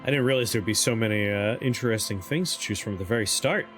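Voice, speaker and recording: A man's voice: on the low side, fast, fairly bright tone. A man livestreaming a game, chatting casually and reading options aloud as he plays. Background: faint game music.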